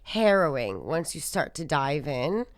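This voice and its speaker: Brief: woman guest from Sudan, low smooth voice, dry close mic, emphatic and reflective. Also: big pitch swings, a little slow, no echo. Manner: thoughtful, emphatic, acts out quoted speech. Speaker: guest musician. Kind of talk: conversational interview.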